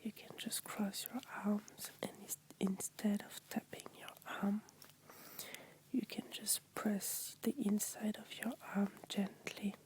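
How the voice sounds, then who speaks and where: A woman with a French accent in whispered ASMR talk, gently explaining things in simple words. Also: mid-range voice, level tone, takes it slowly, low-quality recording.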